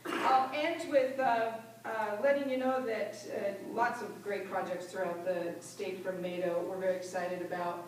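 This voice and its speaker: A woman giving a quick, rambling conference presentation about a regional development project. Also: medium pitch, little pitch movement. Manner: fast, rambling delivery with fillers. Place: large echoey conference room. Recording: very echoey hall, voice from far off.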